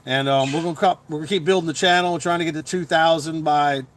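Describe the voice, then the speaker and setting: A middle-aged man hosting a casual livestream chat as a comedian, rambling with lots of fillers and quick chuckles. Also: fairly high pitch, steady tone, fairly bright tone, a little hiss or hum. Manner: chuckling, full of fillers and restarts.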